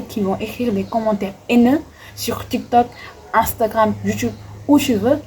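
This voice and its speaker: Young woman, indignant vlog monologue, mellow warm voice, repeats herself for emphasis, faint background noise. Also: medium pitch, poor audio. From Senegal. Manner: indignant, repetitive, heavy use of "en fait". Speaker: vlogger. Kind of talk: impassioned opinion monologue.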